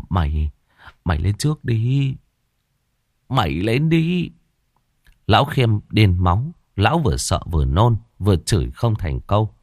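A man with a deep, low voice tells a story with lively, rising and falling delivery. The sound is dry and close, with no room echo. He narrates expressively, leaning into each turn of the tale.

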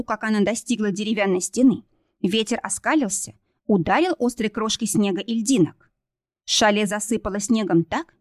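A woman's voice: medium pitch, darkish tone, dry recording, clean studio sound. A woman reading a novel aloud as narrator, in a tense, dramatic storytelling manner. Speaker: audiobook narrator.

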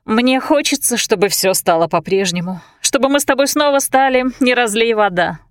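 A woman's voice: fairly high pitch, animated, moderate pace, no echo, studio quality, voice pushed up, lightly acted. A woman voicing a young, emotional best friend in an audiobook, speaking in an earnest, pleading way. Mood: tender. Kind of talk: audiobook character voice.

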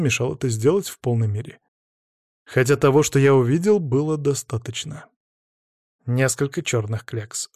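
Guy reading a fantasy audiobook, steady and measured, super dry close sound. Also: mid-range voice, dry recording. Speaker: audiobook narrator. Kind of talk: first-person fantasy audiobook narration.

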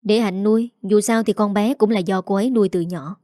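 A woman voicing a young man who calmly explains his divorce in a matter-of-fact way. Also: mid-range voice, fairly quick, dry recording, clean studio sound, natural voice.

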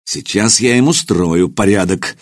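A man's voice: fairly low pitch, measured pace, natural voice. A man voicing a stern young prince-warrior who speaks in curt, commanding lines. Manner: curt, barked orders.

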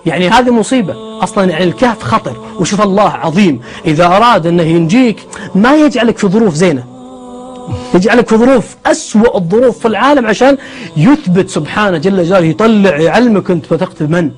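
A man's voice: sits high, expressive, quick pace. A man giving a sermon, telling the stories with animation and asking rhetorical questions. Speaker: preacher. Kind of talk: sermon-style lecture.

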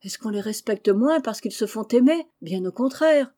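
A woman reading aloud voices a kind, earnest young girl who speaks gently and pleads with her cousin. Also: on the high side, expressive, normal speed. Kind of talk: audiobook character reading.

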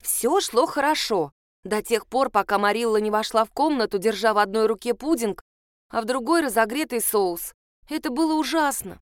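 A woman's voice: a little high, expressive, moderate pace, clean tone, no echo, studio quality, natural voice. Woman doing a dramatic, chattering young girl. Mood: mortified, gushing. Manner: breathless, gushing, theatrical.

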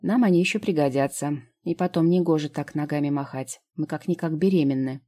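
Woman voicing a fond, gently teasing young man. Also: low voice, brisk. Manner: calm, firm then soft.

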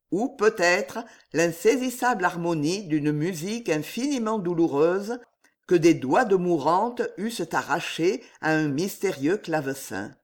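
A reader narrating an audiobook in a slow, expressive storytelling manner. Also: mid-range voice.

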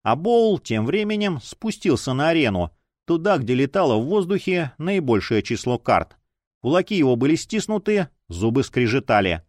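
A man narrating an audiobook in an expressive dramatic style. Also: mid-range voice, normal speed, no echo, clean studio sound. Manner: expressive, lively.

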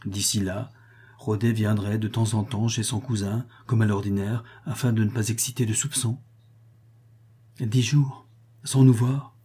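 A man narrating a novel as an audiobook reader, with measured, expressive storytelling. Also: on the low side, slightly rough.

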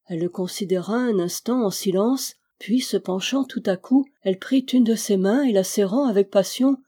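Brief: female audiobook narrator, measured, mellow timbre. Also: mid-range voice, breathy edge. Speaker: audiobook reader.

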